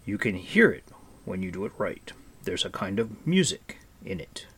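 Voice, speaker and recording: A man voicing a stout, bald old blacksmith who speaks gruffly but kindly in a low, half-whispered voice. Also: very animated, moderate pace, fairly bright tone, full character voice. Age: older.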